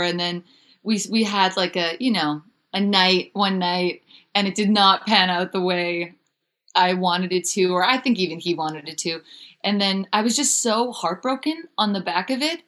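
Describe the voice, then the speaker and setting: As an interview guest, this young author and musician talks candidly and chattily, full of fillers and restarts. Her pitch jumps up whenever she gets animated.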